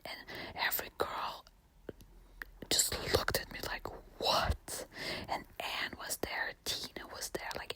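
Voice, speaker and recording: A woman telling a casual, candid ASMR storytime in a quiet, hushed late-night whisper. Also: low-quality recording. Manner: casual, candid, swearing freely.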